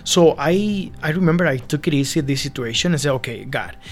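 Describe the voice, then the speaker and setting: A man's voice: a little high, lively intonation, fairly quick, faint music behind. A young man from Venezuela with a Spanish accent, a seminarian guest telling his story earnestly in a casual interview, often repeating words as he searches for them.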